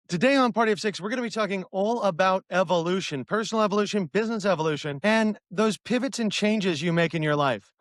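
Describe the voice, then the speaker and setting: A man's voice: high voice, no room sound, studio quality. A man hosting a podcast panel, chatty and upbeat as he runs the introductions and asks questions. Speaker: podcast host.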